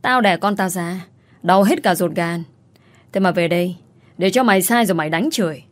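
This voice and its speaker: A woman voicing a hot-tempered, fiercely protective village mother who speaks loudly and bluntly. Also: on the low side, normal speed, no room sound, close to an everyday voice. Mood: furious. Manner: loud, combative, blunt.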